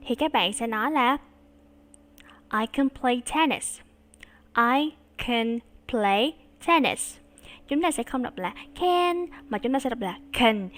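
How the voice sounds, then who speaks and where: Slow, high-voiced woman teaching children English. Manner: slow, bright and encouraging with young learners; models English phrases slowly, switches to Vietnamese to explain.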